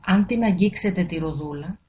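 A woman's voice: fairly low pitch, dark tone, dull audio, close to an everyday voice. Woman reading as a wrathful fairy godmother. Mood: threatening. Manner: thundering, menacing.

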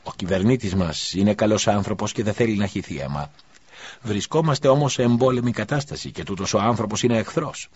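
A man's voice: fairly low pitch, slightly rough, muffled recording, voice pushed up. A man voicing an agitated, scheming male priest in an audiobook, speaking in a raised, urgent way. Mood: fiery.

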